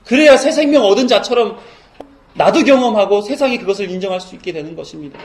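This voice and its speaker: A man with a high voice delivers a church sermon with earnest conviction. He is a middle-aged pastor whose preaching swells into fervent emphasis on key points. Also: fast.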